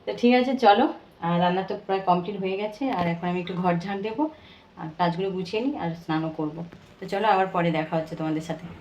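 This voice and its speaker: Woman, thirties, quick rambling vlog chatter, home kitchen, faint room hiss. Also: on the low side, darkish tone, rough recording. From Bengal. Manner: chatty, rambling, many fillers. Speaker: vlogger. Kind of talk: casual home vlog chat.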